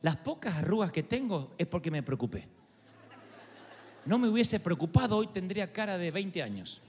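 A high-pitched Argentine man preaches in a church hall, his voice ringing with a long echo over faint background music. He tells his story with lively animation and slips into the voices of its characters. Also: normal speed. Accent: Argentine Spanish. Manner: animated, acts out quoted voices. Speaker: pastor. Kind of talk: sermon storytelling. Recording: reverberant hall with soft music.

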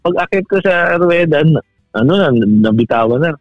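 Telling a lengthy personal story on a podcast, this co-host speaks in a slightly high, expressive voice at a moderate pace, laughing frequently and restarting sentences as he chats. There's no room sound, and the audio is dull and dry with faint music behind it.

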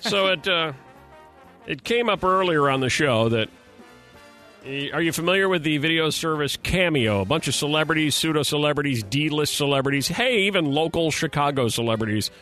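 An American man with a bright, forceful, slightly high voice hosts a morning radio contest. He banters playfully and jokes his way through the game, with music running behind him. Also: expressive, normal speed. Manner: playful, joking. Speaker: radio show host. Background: background music.

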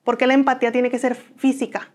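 A woman's voice: high-pitched, level tone, brisk, a little mellow. A woman with a Mexican accent, a guest in an interview, telling her own story earnestly and acting out the voices of people she quotes.

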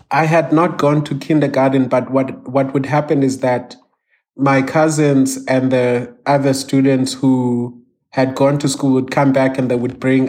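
A man's voice: mid-range voice, a little mellow. Reflective South African-born man in his thirties. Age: 30s. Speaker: artist, interview guest. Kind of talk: conversational interview answers.

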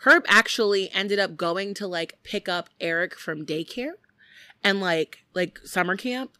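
A woman's voice: mid-range voice, measured pace, clean tone, no room sound. A woman co-hosting a podcast, casually recounting a true-crime case and acting out the people in it, with lots of "like". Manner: animated, acts out quoted people, frequent "like". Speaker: podcast co-host.

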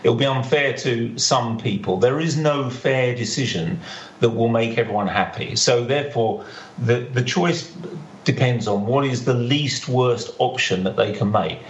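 A man's voice: medium pitch, normal speed. A man giving opinions in a casual football discussion, arguing his case by restating points. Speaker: podcast panellist. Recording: roomy, muffled, faint background noise.

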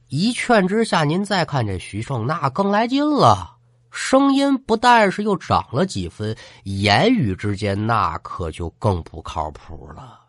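A man telling a ghost folk tale in an animated, colloquial way, speaking straight to the listener. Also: on the low side, no echo, clean studio sound. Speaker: storyteller. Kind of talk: spoken folk-tale storytelling for a ghost-story podcast.

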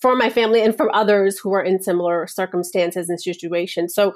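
A woman's voice: mid-range voice, level tone, a little fast. A woman from Nepal, a guest on a podcast interview, speaking earnestly and reflectively, often stringing thoughts together with "like" and "and so.". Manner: earnest, reflective, many "like" and "and so" fillers. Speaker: guest, personal power coach.

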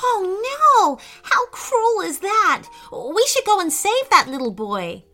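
A kind, eager little boy from a storybook, put on by a woman narrator. The voice sits very high and bright, bouncing up and down as it speaks slowly. Soft music plays underneath. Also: heavily acted. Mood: earnest. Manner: high and excitable.

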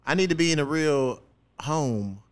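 A man's voice: fairly high pitch, expressive, a little slow. A man hosting a podcast, chatting casually and comedically in slangy, profane, teasing talk. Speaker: podcast host.

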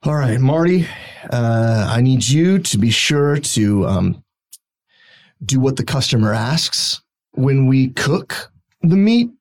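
A man's voice: mid-range voice, big pitch swings, slow pace. A man voicing a jaded male rabbit head chef who curses and talks like a worn-out boss. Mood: coaxing. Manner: jaded, cursing, matter-of-fact boss talk.

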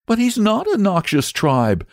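A man's voice: sing-song, moderate pace, a little mellow, dry recording, clean studio sound. A man voicing an earnest young boy in a raised, pleading voice. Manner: pleading and high-pitched.

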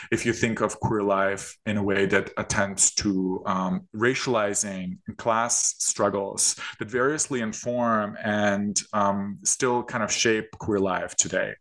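A man's voice: on the low side, a bit bright. A man, an author and queer studies scholar, speaking in an interview with thoughtful, hedging academic phrasing.

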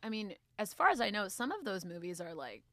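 A woman's voice: medium pitch, brisk, no echo. A woman comic book writer chatting casually as a podcast guest, laughing often and dropping her voice when she gets controversial. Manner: animated, laughs often, drops to near-whisper when getting controversial.

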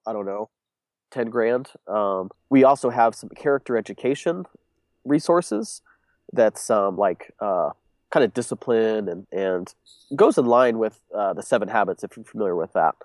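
A young man with a stuffed-up, congested voice answers interview questions in a loose, rambling way, full of ums and restarts. His voice sits fairly low and sounds dry and close, with little room around it. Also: lively intonation, moderate pace, darkish tone, dry recording. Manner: rambling, many fillers and restarts. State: congested, sick. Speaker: guest, business owner. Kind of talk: casual interview conversation.

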